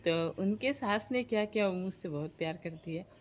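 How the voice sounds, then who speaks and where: A woman in her forties chats straight to her viewers, telling a long family story. She is animated and slips into her relatives' voices when she quotes them. There is a faint hiss of noise behind her. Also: mid-range voice, moderate pace.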